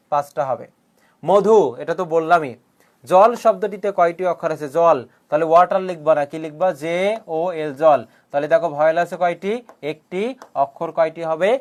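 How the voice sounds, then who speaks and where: A male coaching teacher giving an online grammar lecture, drilling students with repeated questions and answers, joking with threats and often clearing his throat. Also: on the high side. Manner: jokingly threatens students who have not shared the class.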